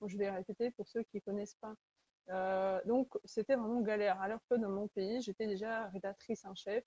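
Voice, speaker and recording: Presenting a webinar, this Kazakh Salesforce consultant speaks earnestly and conversationally, often groping for the right word. Her voice is medium-pitched, warm and husky, captured without echo on a low-quality recording.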